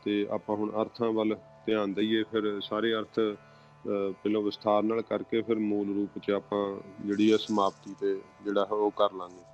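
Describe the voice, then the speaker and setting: A man teaching scripture reading, reciting verses slowly and marking where to pause. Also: lowish voice, monotone, a little mellow. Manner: slow, measured recitation of verses with pause instructions. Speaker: Gurbani teacher. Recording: dull lo-fi recording with faint music.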